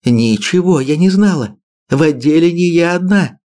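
A man reading an audiobook, voicing a fierce middle-aged woman biologist who shouts in heated, shrill bursts. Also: animated, normal speed, natural voice. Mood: angry.

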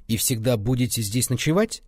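A man reading aloud voices a ghostly young woman who speaks plaintively and with quiet mockery. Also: medium pitch, expressive, a little fast, dry recording, studio quality, lightly acted. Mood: pleading.

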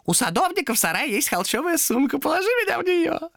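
A man voicing a cruel male demon trapped in a carved figurine, hoarse and mocking, in an audiobook horror tale. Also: very high voice, very animated, fast, a bit bright, dry recording, studio quality, pitched above the performer's own voice, heavily acted. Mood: urgent, eager. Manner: taunting, cackling, wheedling.

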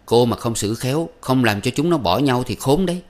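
A man's voice: mid-range voice, lively intonation, brisk, pitched above the performer's own voice, natural voice. A man reading aloud and voicing a grown son who speaks respectfully and earnestly to his mother. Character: polite grown son, worried.

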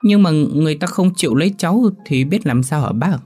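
A man's voice: fairly high pitch, animated, brisk, warm tone, slightly rough, soft background music, pitched above the performer's own voice. A man voicing a hesitant young village man who pleads and coaxes. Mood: pleading.

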